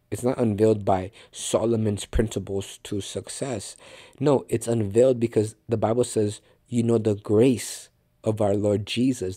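Low mellow-voiced male podcast teacher. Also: dry recording, clean studio sound. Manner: conversational and earnest, many restarts, addresses the listener directly. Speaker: podcast host and Bible teacher. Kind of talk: casual faith podcast teaching.

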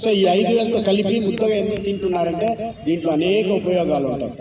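A man with a high voice leads a public yoga session outdoors, cheerfully coaxing the crowd to clap, shout and laugh along. He sounds some distance from the mic, with roomy echo and clear background noise. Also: fast talker. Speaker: yoga instructor. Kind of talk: leading a group yoga session. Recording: roomy echo from far off, noisy.

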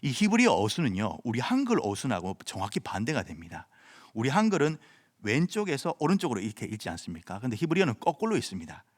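Man preaching with lively pitch. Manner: measured preaching, explaining scripture. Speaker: pastor. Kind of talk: sermon.

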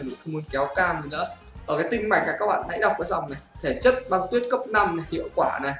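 A man's voice: sits high, a bit bright. A man giving chatty gameplay commentary, often checking in with his viewers. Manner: chatty, often asks "right, guys?". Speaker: mobile game YouTuber. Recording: echoey room with game music.

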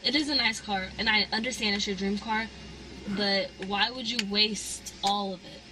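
A woman's voice: mid-range voice, steady tone, normal speed. A young woman arguing casually in a blunt, insistent way. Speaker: wife being pranked. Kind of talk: casual argument. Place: inside a parked sports car. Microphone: camera held by passenger, a little away. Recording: noisy car interior with vehicle sound.

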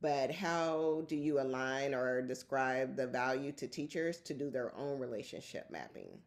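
A woman moderating a video-call panel, passing on a question from the audience in a measured way. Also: very deep voice, expressive.

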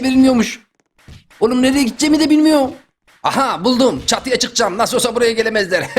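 A young man doing a comic dub over gameplay, excitable and yelling in slang. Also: very high voice. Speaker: gaming YouTuber.

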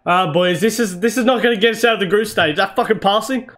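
A man giving live gameplay commentary, excitable and swearing, yelling at near misses. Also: high voice, quick pace, noisy background. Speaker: gaming channel host.

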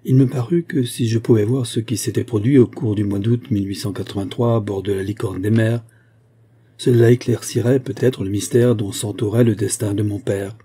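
A man reading as an anxious young man laying out his story in an audiobook. his delivery is earnest and measured. the voice underneath is very dark and husky. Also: fairly low pitch, steady tone.

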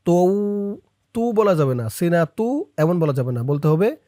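A teacher giving a step-by-step recitation lesson, talking quickly between slow, drawn-out chanted phrases and asking viewers to repeat each one. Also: medium pitch, very animated, warm tone, dry recording, studio quality.

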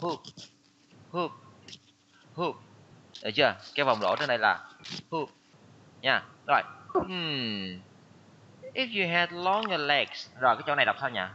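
A man's voice: mid-range voice, lively intonation, normal speed, long pauses, sharp tone. A male teacher running an online language class, patiently drilling words and repeating them for pupils. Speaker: English teacher. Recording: dull lo-fi audio with noise.

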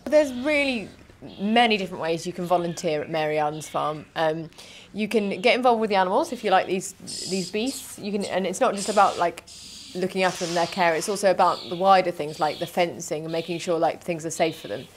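Brief: young woman, manager type, lower voice, eager and chatty, recorded outside by an animal pen. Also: fairly quick, hardly any pauses, a little hiss or hum. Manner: chatty, enthusiastic, repeats words while thinking. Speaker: operations manager at a heritage farm. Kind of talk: interview answers.

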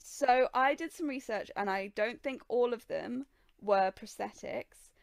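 A woman with a mid-pitched voice and a lot of vocal fry co-hosts a podcast. She rambles and corrects herself as she goes, and the sound is dry and close. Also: a little slow, no echo. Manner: rambling, self-correcting, filler-heavy. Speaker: podcast co-host. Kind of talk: casual chat.

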